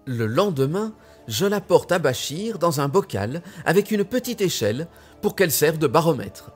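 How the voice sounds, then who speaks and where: A man reading a children's tale aloud with expressive, deliberate delivery. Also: on the high side, breathy edge, faint music behind. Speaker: storyteller.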